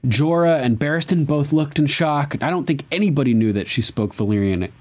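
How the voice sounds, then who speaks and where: A man in casual chat, retelling a scene with animated enthusiasm and acting out quoted lines. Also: a little high, brisk.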